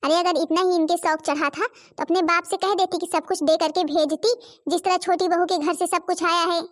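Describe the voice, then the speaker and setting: A woman voicing a sharp-tongued, scolding village mother-in-law in a cartoon, nagging and accusing. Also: extremely high pitch, moderate pace. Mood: angry. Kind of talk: cartoon voice acting.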